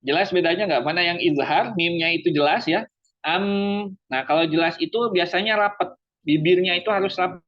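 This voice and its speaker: A man teaching Quran recitation in an online class. He explains each rule as question and answer and slows down to demonstrate the recitation. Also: high voice. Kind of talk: online tajwid lesson. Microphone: online class microphone. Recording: dull lo-fi online audio.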